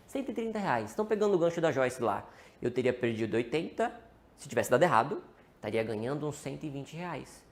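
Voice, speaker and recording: A man with a Brazilian Portuguese accent teaching day trading in a live-streamed lesson, asking and answering his own questions and calling out to his viewers. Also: fairly high pitch.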